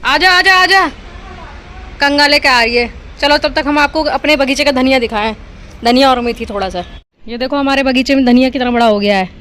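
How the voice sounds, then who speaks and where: Chatty middle-aged woman vlogging on her phone outside, high voice, bit of faint noise behind. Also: a little fast. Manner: chatty, talks straight to viewers and laughs loudly. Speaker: vlogger filming her family day. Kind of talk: casual vlog narration to camera. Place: outdoors in a home garden, later a park.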